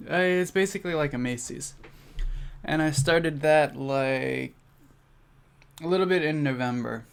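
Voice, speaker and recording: A young man rambles through casual chat on a live stream at home, restarting his sentences and filling gaps with ums. He talks through a mouthful of food. His voice sits a little high, and he takes his time. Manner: rambling, chatty, many fillers and restarts. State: talking with his mouth full.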